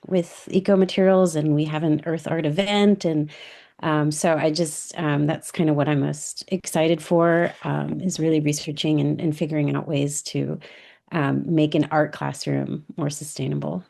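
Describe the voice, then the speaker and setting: A woman's voice: sits low, fairly even intonation, normal speed, creaky, a little mellow. A woman art teacher from New York introducing herself on a video call, hesitant with many ums. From New York, United States.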